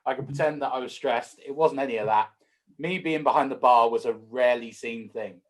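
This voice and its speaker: A man recalls his own blunders behind the bar, poking fun at himself and restarting his sentences often. It is a relaxed, casual group video chat. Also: mid-range voice, fairly quick. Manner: self-deprecating, stumbling restarts. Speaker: pub manager.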